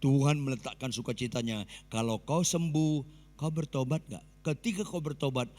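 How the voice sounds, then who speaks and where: A man preaching a sermon as pastor with an Indonesian accent, swinging between loud exclaiming and low emphatic asides and quizzing the congregation. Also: moderate pace. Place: church hall. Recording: long church reverb.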